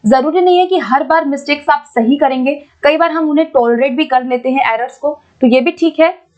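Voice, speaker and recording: A woman teaching an exam-prep lesson, patiently explaining and reading English questions out slowly. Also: high-pitched, darkish tone. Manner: explains patiently, repeats points, keeps checking with "ठीक है".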